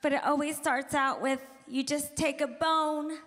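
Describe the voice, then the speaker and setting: A woman in her forties with a high voice performs stand-up comedy, unhurried and chatty, often laughing at her own jokes. Her voice rings through a large hall with a long echo trailing each line. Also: fairly even intonation, fairly bright tone. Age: 40s. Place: women's conference hall. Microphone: handheld microphone. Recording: reverberant hall sound.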